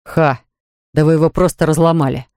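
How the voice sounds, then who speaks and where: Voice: fairly quick, clean tone, dry recording, close to an everyday voice. A narrator voicing a composed, businesslike male property developer, reading in a dry, close studio recording. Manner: calm, businesslike, lowered voice.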